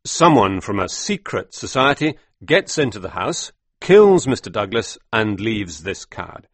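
A man voicing a calm, measured male detective in a read-aloud detective story, asking probing questions in a husky voice. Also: on the low side, dry recording, voice pushed up, heavily acted.

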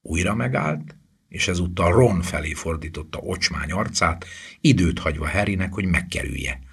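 A man narrates a fantasy adventure in a low, deep voice. His tone is husky and full of breath, and he lets tense passages fall to a near whisper. The reading is steady and scripted. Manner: suspenseful, often dropping to a whisper. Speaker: audiobook narrator.

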